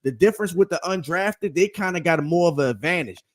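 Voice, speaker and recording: A man co-hosting a casual sports podcast, talking in an animated, emphatic way and repeating his points. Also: sits high, brisk. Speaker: podcast co-host.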